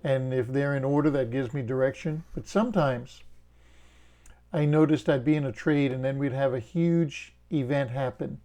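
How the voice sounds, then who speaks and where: Speaking at a normal speed in a mid-range voice, a middle-aged man with a Bahamian accent from the Bahamas hosts an options trading channel. He gives a casual screen-share tour of his trades, explaining his rules in a plain, steady way full of fillers and folksy humor.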